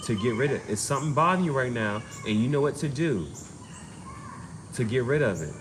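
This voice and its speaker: An expressive male voice of medium pitch, running a little fast. The speaker, an amateur tarot reader who streams, offers an offhand spiritual reading and keeps pushing his advice emphatically and repetitively. There is noticeable noise behind him.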